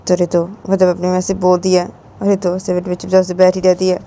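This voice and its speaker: A woman's voice: on the low side, completely flat delivery, fairly quick, mellow. A woman hosting her channel, casually retelling a romance story in a plain, repetitive way.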